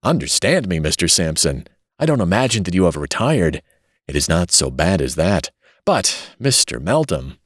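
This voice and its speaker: A man reading an audiobook, voicing a smooth, falsely sympathetic gentleman villain who speaks in a soft, consoling, slyly sneering way. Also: deep voice, very animated, normal speed, dry recording, clean studio sound, full character voice. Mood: insinuating.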